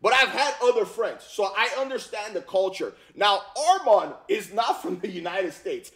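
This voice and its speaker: A high-pitched man in his thirties, originally from Armenia, talks at normal speed as a YouTube commentator giving casual reactions to fight news. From a home gaming room with a headset mic, he stays animated and slangy, repeats himself, and keeps saying "bro" and "okay?".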